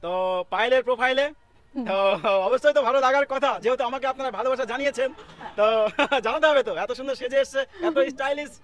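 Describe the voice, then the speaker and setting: High, rapid-fire joking man. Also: fairly even intonation. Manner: jokey, playful, loud sing-song delivery. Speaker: local social media creator. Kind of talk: casual chat with playful chanted rhyme. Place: outdoors by a riverbank.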